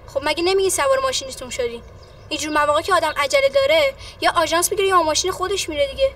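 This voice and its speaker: A woman playing a sharp young sleuth who questions a man step by step. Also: extremely high pitch, expressive, recorded from a distance, a little hiss or hum. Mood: probing. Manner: probing, logical questioning.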